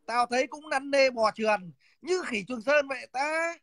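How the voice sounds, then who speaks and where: A man's voice: extremely high pitch, normal speed, a bit bright, no room sound. A man, a guest on a livestream, teasing and mocking someone. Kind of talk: casual mocking chat.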